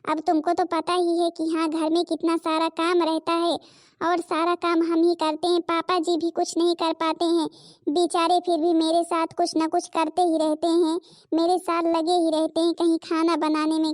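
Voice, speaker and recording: A woman voicing a meek young stepdaughter in an animated cartoon, pleading and tearful. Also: extremely high pitch, normal speed, dry recording, clean studio sound. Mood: gentle.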